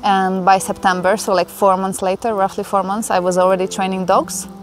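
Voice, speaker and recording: A young Hungarian woman, interviewed outdoors in a forest, relates her personal story fairly quickly in a medium-pitched, flat-sounding voice. Even so, her manner is earnest, emotional and chatty with fillers, and a clear music bed sits under her speech.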